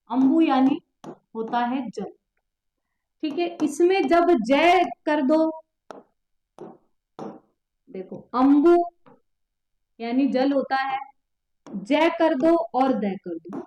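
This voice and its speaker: A woman's voice: high voice, animated, slow, pauses often, a little mellow, reverberant, a little hiss or hum, low-quality recording. A woman teaching an exam prep lesson, who explains step by step, repeats key words and keeps quizzing her students. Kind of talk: online exam coaching lesson.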